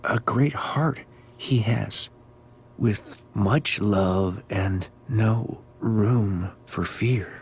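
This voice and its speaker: Slow, ominous, cryptic groundskeeper. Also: male voice, fairly low pitch, slight background noise. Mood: gentle, musing. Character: creepy, cryptic middle-aged male school groundskeeper, gentle philosopher. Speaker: groundskeeper character. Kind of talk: video game voice acting.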